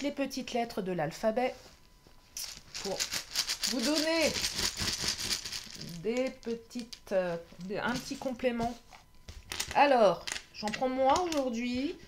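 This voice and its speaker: A woman with a slightly raised pitch gives a casual tarot reading straight to camera. She talks in a loose, chatty way, stops often on fillers and laughs at her own slips. A faint hiss sits under her voice. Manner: chatty, hesitant with many fillers, laughs at herself. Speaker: tarot card reader.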